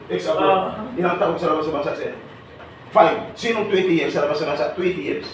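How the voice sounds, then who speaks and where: A man's voice: a little high, fairly quick. A man giving a live seminar to trainees, teasing and bantering with the audience and often asking them to agree. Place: training room. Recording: echoey room with background noise.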